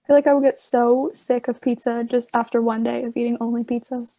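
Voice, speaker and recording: A woman on a podcast, speaking casually and hesitantly, often pausing. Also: on the high side, flat delivery, dark tone, dry recording, rough recording. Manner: hesitant, fills with "like". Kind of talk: casual chat.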